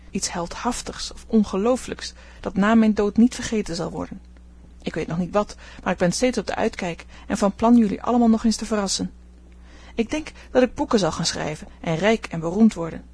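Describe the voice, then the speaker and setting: Woman reading as bold restless teen girl, eager, kinda husky, audiobook. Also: medium pitch, brisk, darkish tone. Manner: eager, outspoken. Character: bold, restless teenage girl dreaming of fame.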